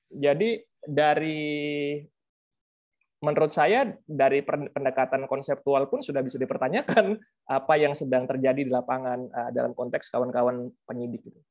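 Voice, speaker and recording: The webinar guest, a researcher and author, shares his perspective in a chatty style full of fillers and rhetorical tags. His fairly high voice has a darkish tone and a moderate pace, and the video call microphone makes it sound lo-fi.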